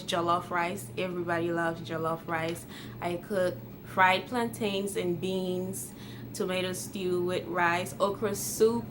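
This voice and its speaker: With a voice on the low side, this YouTuber, a Twi-speaking Ghanaian woman in her twenties, gives a casual, chatty talk to camera for her viewers. She's friendly and laughs lightly, and there is noise in the background.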